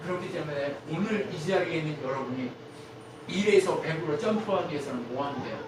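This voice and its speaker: A pastor preaching a sermon, constantly quizzing the congregation with rhetorical questions and swinging from loud emphatic peaks to hushed low lines. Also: a little fast. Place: church sanctuary. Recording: very echoey hall, mic far off, steady ambient noise.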